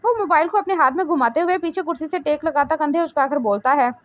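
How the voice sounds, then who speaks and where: A woman narrating a romance novel aloud in a steady storytelling manner. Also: sits high, quick pace. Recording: dull lo-fi recording.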